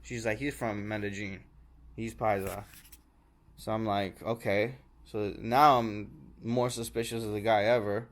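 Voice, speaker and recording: A man casually retelling a travel mishap. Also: medium pitch. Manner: rambling, animated retelling with acted quotes and swearing. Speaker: travel vlogger. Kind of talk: casual storytelling vlog. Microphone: small handheld camera.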